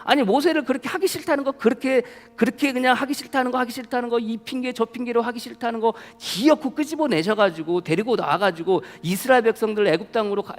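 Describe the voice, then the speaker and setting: A male pastor preaching a sermon, constantly putting rhetorical questions to the congregation and building in intensity. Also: very high-pitched. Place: church sanctuary. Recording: reverberant church hall.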